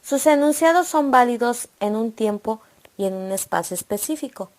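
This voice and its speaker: A woman narrates a scripted lesson in a slightly high voice. She reads steadily and works through numbered points one after another. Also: moderate pace. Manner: steady, read-aloud delivery listing points. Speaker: presenter of an educational video.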